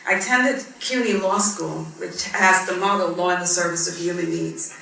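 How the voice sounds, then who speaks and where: Speaking as a panel judge, a Guyana-born woman in her fifties who grew up in Barbados reflects earnestly on her own story, often saying "um." Her lowish voice is gravelly and sharp, with fairly even intonation at a normal speed. The recording comes from a distant mic in an echoey hall with faint noise.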